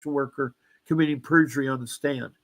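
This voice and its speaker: A man's voice: mid-range voice, steady tone, a little fast, fairly bright tone. A man in his seventies telling a personal story, rambling with restarts and asides and insisting he was wronged. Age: 70s. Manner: aggrieved, insistent about injustice. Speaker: guest.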